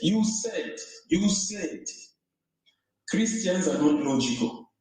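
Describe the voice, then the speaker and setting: A man's voice: sits high, lively intonation, slow pace, a little mellow, very echoey, poor audio. A man from Zambia calling in to a debate show, hesitant with stumbling restarts but turning heated and accusing. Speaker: caller. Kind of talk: argumentative phone-in debate.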